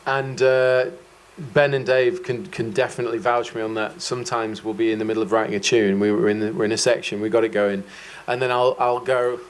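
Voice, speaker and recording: A man's voice: medium pitch, flat delivery, brisk, few pauses. A man giving a guitar masterclass, talking casually and rambling a little, with self-deprecating jokes. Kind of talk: casual explanatory chat.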